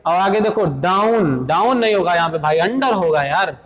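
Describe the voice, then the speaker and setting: A man runs an exam-prep grammar lesson. His voice sits high, and he talks briskly, quizzing students as he goes. He reads the sentences out slowly and explains them fast. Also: expressive. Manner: brisk, repeats "देखो भाई" and quizzes students. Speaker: English teacher.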